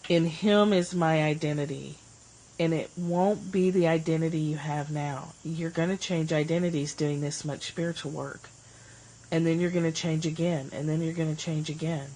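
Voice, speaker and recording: A woman's voice: sits low, fairly even intonation, moderate pace, mellow, low-quality recording. A woman hosting a live stream, giving a casual, rambling spiritual talk and replying to viewer comments. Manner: chatty, rambling, reads viewer comments aloud. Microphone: phone.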